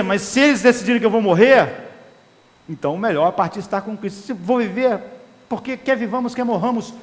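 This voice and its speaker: A man preaching an impassioned sermon, acting out the inner voices of desire. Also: high-pitched. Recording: long hall reverb.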